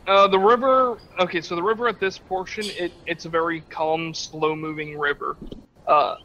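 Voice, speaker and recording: A man's voice: a little high, fairly even intonation, normal speed, sharp tone, highs cut off, a little hiss or hum. A man acting as game master in a tabletop game, describing the scene in a rambling, hesitant way with many restarts.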